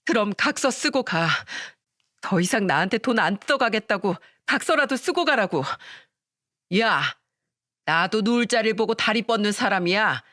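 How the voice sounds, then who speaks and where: A narrator voicing a shameless middle-aged mother-in-law who shouts defiantly for a storytelling radio piece. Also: medium pitch, expressive, moderate pace, no echo, clean studio sound. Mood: brazen, scornful.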